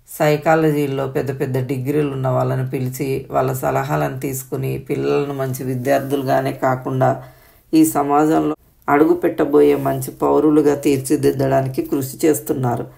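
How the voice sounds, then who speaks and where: A woman narrating an audio story in a steady, even storytelling manner. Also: rumbling low, gravelly.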